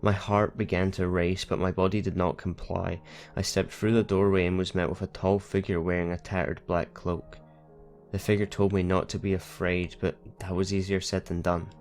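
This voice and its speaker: Low-voiced man narrating horror. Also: little pitch movement, moderate pace, a little mellow, faint music behind. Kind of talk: scripted horror story narration.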